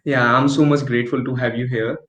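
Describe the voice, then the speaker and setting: A man hosting an interview show, earnest and halting, often restarting his sentences. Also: mid-range voice, flat delivery, fairly bright tone. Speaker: host. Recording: dull echoey lo-fi sound.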